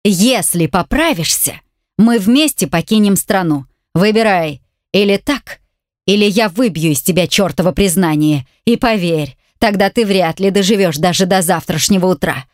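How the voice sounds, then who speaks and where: A woman's voice: medium pitch, normal speed, dry recording, studio quality, close to an everyday voice. A woman reading an audiobook voices a furious, brutal man who snarls threats and insults. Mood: menacing. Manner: snarling, menacing, shouting insults.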